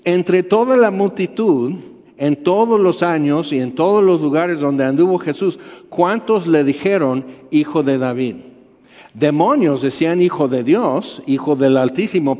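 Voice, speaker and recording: A man's voice: on the high side, darkish tone. Man preaching in an echoey hall. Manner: conversational, rambling, with frequent filler words. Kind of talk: sermon. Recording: dull lo-fi recording in a reverberant hall.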